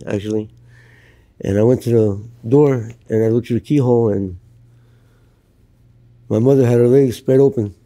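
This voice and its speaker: A man's voice: mid-range voice, warm tone. An older man from Canada telling his life story in an interview, blunt and plain-spoken. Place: outdoors in Los Angeles.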